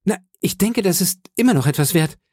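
A man's voice: high voice, lively intonation, brisk, darkish tone, breathy edge, no echo, studio quality, voice pushed up. A man voicing a grumbling, superstitious male pirate sailor in a storybook reading. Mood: sulky.

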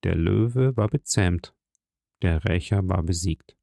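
A man narrating a classic novel as an audiobook, in a measured, dramatic way. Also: low voice, vocal fry, mellow, no echo.

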